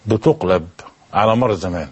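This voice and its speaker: Halting scholar, man. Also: fairly low pitch, slightly rough. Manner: halting, restarts words while explaining. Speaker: guest scholar. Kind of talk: explanatory lecture in conversation.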